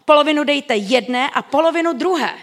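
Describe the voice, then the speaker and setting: A man's voice: very high-pitched, animated, a bit bright, voice pushed up, full character voice. A man preaching who voices a stern, wise ancient king handing down judgment, in a commanding, raised voice.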